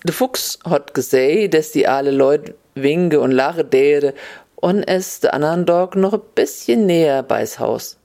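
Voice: medium pitch, measured pace, gravelly, warm tone. Storyteller in thick Upper Hessian dialect.

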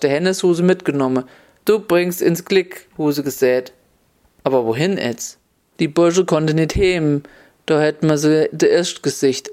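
A man's voice: a little high, a little mellow, smooth. A man reading a fairy tale aloud, telling it in a folksy way with dialect words. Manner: folksy, mixes dialect into the narration. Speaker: storyteller.

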